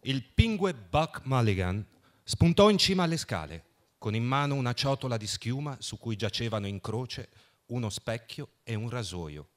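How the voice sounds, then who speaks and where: A man reading a novel aloud at a book festival in a measured, expressive way. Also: mid-range voice. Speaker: reader.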